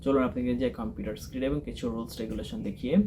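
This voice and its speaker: A man's voice: mid-range voice, steady tone, rapid-fire, very noisy. A man hosting a test-preparation channel, explaining speaking practice step by step and mixing English phrases into his lesson. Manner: mixes English phrases into explanations, repeats points. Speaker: test-prep channel host. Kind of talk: instructional talk.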